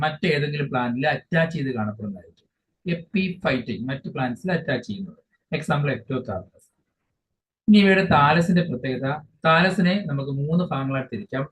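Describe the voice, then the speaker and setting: A man teaching an exam-focused biology lesson, explaining each English term again in his own words and often pausing mid-phrase. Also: medium pitch, a bit bright. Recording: dull lo-fi sound with faint hiss.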